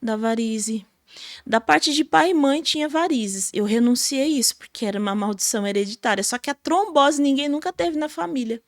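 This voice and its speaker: A woman's voice: sits high, moderate pace, no echo, studio quality. A Brazilian woman, a gospel singer, telling her personal testimony in a podcast interview with emotional storytelling. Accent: Brazilian Portuguese. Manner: emotional storytelling, many fillers like "sabe?".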